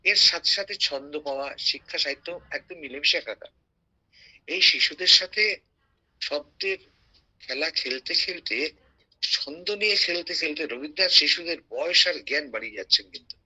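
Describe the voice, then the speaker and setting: Man giving a talk on kids' lit, bright husky voice, recites little rhymes slow, muffled call audio. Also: fairly high pitch. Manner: animated, recites rhymes slowly and clearly. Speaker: guest speaker. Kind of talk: lecture on children's literature with recited rhymes.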